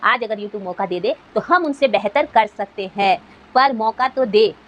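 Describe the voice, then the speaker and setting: A woman's voice: mid-range voice, unhurried, a bit bright, low-quality recording. A woman YouTuber giving an earnest motivational talk to fellow creators, asking rhetorical questions as she goes.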